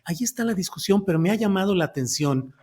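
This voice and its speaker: A man's voice: high-pitched, animated, fast, darkish tone, breathy edge. A man hosting a political panel discussion, putting questions to guests by name and reading quotes aloud. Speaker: host.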